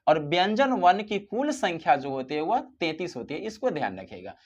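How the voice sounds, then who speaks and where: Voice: medium pitch, very animated, fairly quick, darkish tone. A teacher giving a grammar lesson, posing questions and answering them, drawing out example sounds to show their length. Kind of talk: classroom-style grammar lesson.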